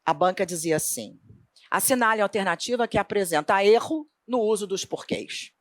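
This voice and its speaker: A middle-aged woman with a Brazilian accent teaching a Portuguese grammar lesson for an exam, emphatic and lively, asking questions and then answering them herself. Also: mid-range voice, moderate pace, no echo. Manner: animated, emphatic, asks and answers her own questions.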